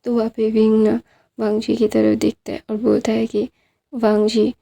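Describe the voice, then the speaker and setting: A woman casually retelling a fanfiction story in a flat, monotone read full of fillers. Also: on the high side, moderate pace, creaky.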